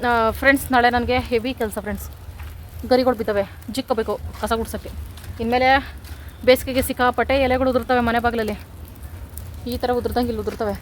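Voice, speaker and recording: Fast-chatting woman vlogger, higher voice. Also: steady tone, slight background noise. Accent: rural Karnataka Kannada. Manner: chatty, addresses viewers as friends constantly. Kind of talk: casual home vlog narration.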